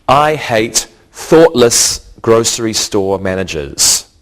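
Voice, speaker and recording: Patient male teacher, unhurried and low-voiced, deliberate classroom delivery. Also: very animated, fairly bright tone. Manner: slow, deliberate, spells out letters. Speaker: English teacher. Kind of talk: slow classroom lesson with examples.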